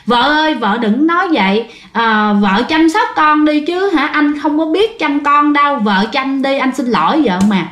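A woman's voice: high voice, unhurried, hardly any pauses, a bit bright, reverberant, pitched above the performer's own voice. A woman playing a coaxing, apologetic husband.

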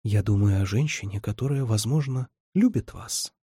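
A man's voice: on the low side, normal speed, dark tone, husky, no room sound, studio quality. A man reading the lines of a spirited, teasing young woman in an audiobook, lifting his voice somewhat for her. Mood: wistful.

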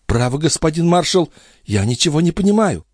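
A man's voice: fairly high pitch, big pitch swings, brisk, a little mellow, no room sound, studio quality, voice pushed up. A man voicing a sly young maid who pleads and coaxes, in an audiobook reading. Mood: imploring. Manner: pleading, coaxing. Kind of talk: audiobook character voice.

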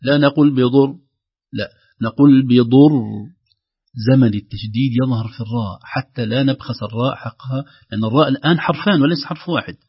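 A man teaching the rules of Quran recitation, who explains patiently and recites example words louder and drawn out. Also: medium pitch, very fast, slightly rough, no room sound, highs cut off. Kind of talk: tajweed lesson with recited examples.

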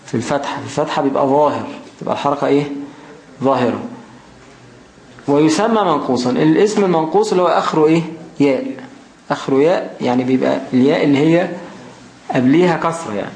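A man with an Egyptian Arabic accent explaining a grammar text. He reads it out slowly, then keeps asking rhetorical questions as he goes. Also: a little high, vocal fry, darkish tone. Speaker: grammar teacher. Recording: roomy echo, faint background noise.

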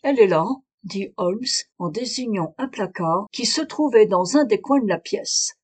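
A woman reads a detective story aloud in an even, steady way. Her pitch sits in a middle range and her delivery is clear and unhurried. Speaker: audiobook reader. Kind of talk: audiobook narration.

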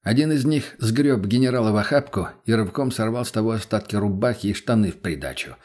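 A man's voice: lowish voice, lively intonation, a little fast, a little mellow. Blunt, crude male audiobook narrator. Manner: blunt, crude, matter-of-fact.

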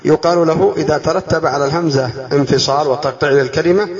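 Lively man teaching a class, quizzing. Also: fairly high pitch, muffled recording. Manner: lively, quizzing students with questions; drawls out key words slowly. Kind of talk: classroom lesson.

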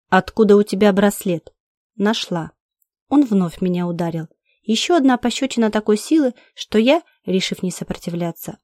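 A woman's voice: medium pitch, dark tone, dry recording, studio quality. A woman reading a first-person audiobook in a tense, clipped storytelling manner. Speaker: audiobook narrator.

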